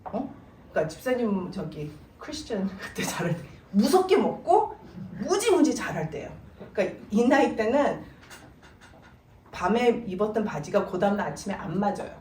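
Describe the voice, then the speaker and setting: A middle-aged woman giving a church parenting seminar, telling stories with animated delivery and slipping English words into her talk. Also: medium pitch, moderate pace. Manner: animated storytelling, mixes English words into Korean. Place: church hall. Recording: echoey room, voice from far off, faint noise.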